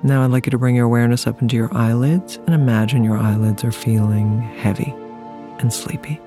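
A meditation host guiding a relaxation hypnosis in a soothing, deliberate way with long pauses. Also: medium pitch, steady tone. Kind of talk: slow guided relaxation hypnosis narration. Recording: music playing behind the voice. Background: music.

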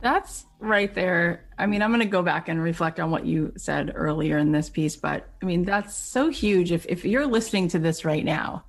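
Lower-pitched woman interviewing casually. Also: expressive, normal speed, hardly any pauses. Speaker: podcast interviewer.

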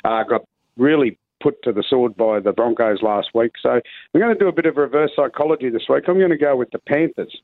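A man's voice: medium pitch, a little fast, no room sound. Laconic Australian man on a tinny line. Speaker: rugby league tipster. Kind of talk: casual sports chat.

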